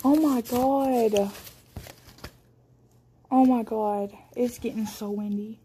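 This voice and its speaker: Slow and steady in tone, this slightly high, mellow voice belongs to an amateur storm videographer. She's scared and shaky, breathlessly exclaiming as she narrates into her handheld phone, with storm ambience in the noisy recording.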